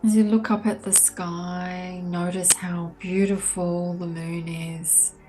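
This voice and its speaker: A woman guides a meditation in a low voice with little pitch movement, speaking gently and at a measured pace. She leaves long pauses between soothing instructions. Soft ambient meditation music plays behind her.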